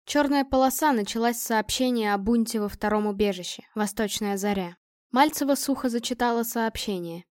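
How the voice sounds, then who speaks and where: A woman reading a first-person audiobook in a calm, measured storytelling manner. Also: fairly high pitch, no room sound, studio quality. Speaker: audiobook narrator.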